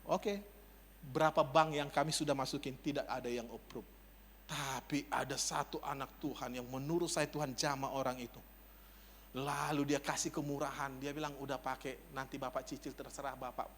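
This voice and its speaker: A man preaching as a pastor, telling a personal story in a chatty way and building to loud calls to the congregation. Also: mid-range voice, steady tone, normal speed, a little hiss or hum. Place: church service. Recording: long church hall reverb.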